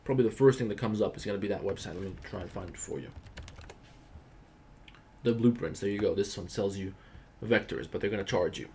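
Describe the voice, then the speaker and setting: A man's voice: lowish voice, a little fast, long pauses, a little hiss or hum. A young man from Croatia hosting a casual livestream, talking bluntly and profanely as he tells stories. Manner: profane, blunt, animated storytelling. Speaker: livestream host.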